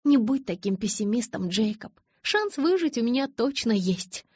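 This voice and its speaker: A woman voicing a gentle but stubborn pregnant young woman in an audiobook, soft and reassuring. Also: fairly high pitch, sing-song, normal speed, slightly rough, dry recording, clean studio sound, pitched above the performer's own voice. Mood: pleading. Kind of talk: audiobook character voice.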